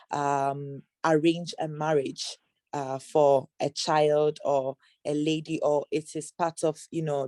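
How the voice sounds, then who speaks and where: A woman from Ghana who works in anti-trafficking outreach, answering interview questions in a measured, hesitant way with many fillers, on a video call. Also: deep voice, mellow, dry recording.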